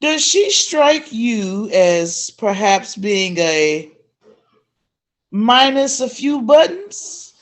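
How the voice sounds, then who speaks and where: A woman playing a dignified, tart old woman leader with a deliberate, drily cutting delivery in a script reading. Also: fairly high pitch, very animated, exaggerated voice. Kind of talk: live script reading, comedic.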